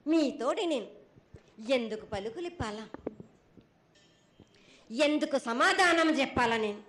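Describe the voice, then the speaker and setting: A woman's voice: high voice, lively intonation, a little slow, a bit bright, a little hiss or hum. A woman with a Telangana accent giving an oracle's prophecy in a trance voice, scolding angrily and imperiously with repeated phrases. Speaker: oracle delivering a ritual prophecy as the mother goddess.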